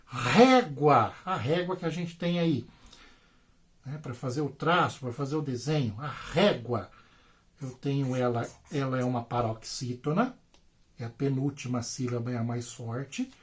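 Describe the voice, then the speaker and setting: A man's voice: mid-range voice, unhurried. A Brazilian man teaching a grammar lesson online. He explains patiently and repeats himself, tags his sentences with little checks, and stretches out the example words. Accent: Brazilian Portuguese.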